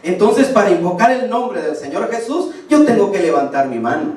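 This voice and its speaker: A man's voice: high-pitched, very animated, moderate pace, darkish tone. A man preaching a sermon, speaking emphatically and addressing his congregation directly. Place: church hall. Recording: echoey hall, distant mic.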